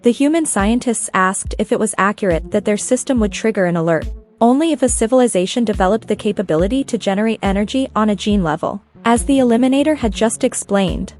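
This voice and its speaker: A woman reading a scripted story narration at a steady, even pace. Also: mid-range voice, fast talker, faint music behind.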